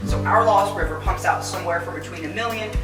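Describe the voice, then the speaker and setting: A woman leads a tour group through a cave, explaining each stop and often doubling her words for emphasis. Her voice sits a little low for a woman. It rings out in a roomy cave echo with a long tail. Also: quick pace, loud music behind the voice. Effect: cave echo, long reverberation. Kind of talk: guided tour talk to a group. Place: inside a large limestone cave. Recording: echoey cave with long reverb.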